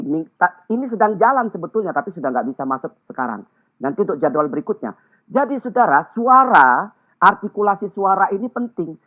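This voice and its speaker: Man teaching public speaking over a tinny call. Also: a little high. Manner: clear, carefully articulated, lively teaching delivery. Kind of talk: webinar talk. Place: remote video call. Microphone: computer or phone mic on a video call. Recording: tinny phone-like online call audio.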